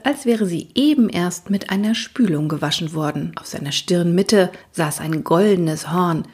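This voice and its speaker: Slow, breathy woman reading aloud. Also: on the low side. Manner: soft, breathy, half-whispered reading. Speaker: storyteller. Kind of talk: reading a children's book aloud.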